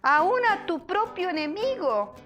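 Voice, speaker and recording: High-voiced woman pastor preaching. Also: big pitch swings, a bit bright, soft background music. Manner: earnest preaching with repetitions and pauses. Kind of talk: sermon.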